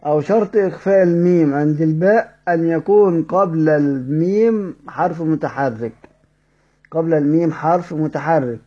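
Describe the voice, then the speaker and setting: A man with an Egyptian accent teaches the rules of recitation, explaining each one and then chanting verse examples slowly. His voice sits a little high and sounds mellow. The recording is dull and lo-fi. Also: breathy edge. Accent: Egyptian Arabic. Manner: asks questions of students, then answers them. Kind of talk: recorded tajweed lesson.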